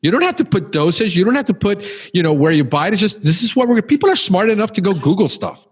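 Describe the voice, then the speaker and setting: Emphatic, high-pitched man. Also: big pitch swings, fast talker, husky. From Cuban background. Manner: emphatic, talkative, encouraging. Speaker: podcast host. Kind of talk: casual podcast chat.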